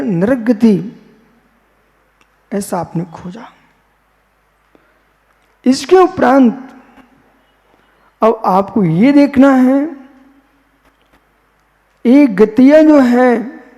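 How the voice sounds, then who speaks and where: A man, a Jain monk, giving a philosophical sermon, posing questions and answering them himself, repeating phrases slowly. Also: extremely high pitch, warm tone, in a large hall, lo-fi sound.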